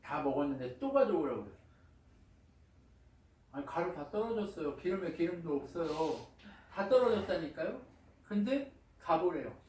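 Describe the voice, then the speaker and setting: A male pastor preaching a sermon in a church, lively and colloquial, often asking the congregation questions. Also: fairly high pitch, normal speed, long pauses. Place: church sanctuary. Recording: echoey church hall, distant mic.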